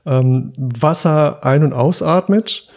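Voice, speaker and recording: A man's voice: on the high side, takes it slowly, darkish tone. A man explaining medical points in a casual discussion, checking facts with his partner. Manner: explanatory, asks the other for confirmation. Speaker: medical podcast co-host.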